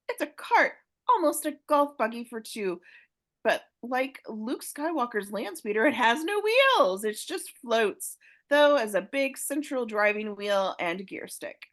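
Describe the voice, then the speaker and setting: A woman narrating the action descriptions of a fan audio drama script, reading at a paced rhythm with pauses. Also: a little high, lively intonation. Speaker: narrator of stage directions.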